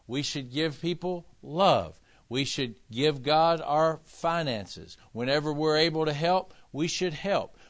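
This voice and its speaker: A man's voice: medium pitch, no room sound. A man preaching a sermon, telling a personal testimony in a folksy way and acting out the dialogue. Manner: folksy storyteller, acts out dialogue. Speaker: pastor.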